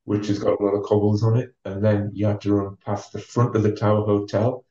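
Male guest, low mellow voice, unhurried anecdotes, full of ums. Roomy, slightly distant, lo-fi recording. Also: little pitch movement. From North East England. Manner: measured, with many ums and restarts. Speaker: interview guest, former marathon runner. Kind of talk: relaxed storytelling. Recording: dull, roomy sound from off the mic.

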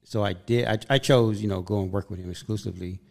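Gravelly, darkish, and fairly low, this podcast host's voice stays steady in tone while he talks fast. He's a Southern Californian in his fifties, sharing stories in an earnest, upbeat way during a relaxed conversation.

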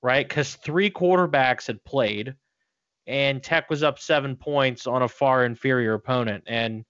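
A man with a clear, smooth voice and medium pitch chats casually about sports as a podcast co-host. The sound is dry and slightly dull. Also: unhurried, fairly bright tone, no echo.

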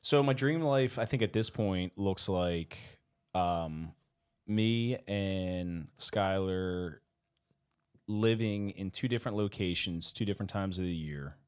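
A man in his thirties talks in a relaxed, rambling way on a casual podcast. His voice sits on the low side, and he laughs often between thoughts. He swears easily and backtracks mid-sentence. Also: slow, smooth. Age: 30s. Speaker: podcast co-host. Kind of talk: casual chat.

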